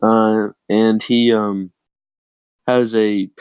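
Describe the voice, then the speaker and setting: A man's voice: on the low side, flat delivery, very slow, darkish tone, smooth, dry recording, low-quality recording. A teenage boy co-hosting a casual chat, telling a rambling story full of swearing and laughs, his voice cracking often. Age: teens. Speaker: podcast co-host.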